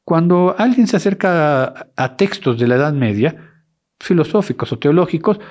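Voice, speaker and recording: A man with a fairly high voice delivers an educational lecture. His talk is animated, and he often stops mid-phrase to correct himself before moving on.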